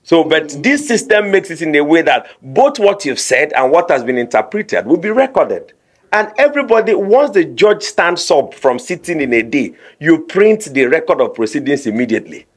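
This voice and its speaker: A man, a radio guest explaining a court technology program with lively anecdotes. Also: a little high, normal speed.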